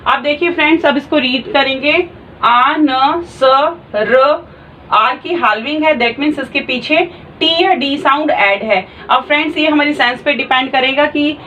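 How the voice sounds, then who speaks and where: High-voiced woman teaching patiently. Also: normal speed, bright, forceful tone, highs cut off, slight background noise. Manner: patient, repeats and spells out sounds step by step. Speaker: shorthand teacher. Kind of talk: online class explanation.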